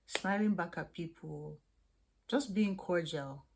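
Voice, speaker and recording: Talking to camera against a noisy background, this international student vlogger answers viewer questions about student life and faith. She's a young woman with a Nigerian accent, speaking slowly at a fairly low pitch with vocal fry, candid and chatty, frequently starting over mid-thought.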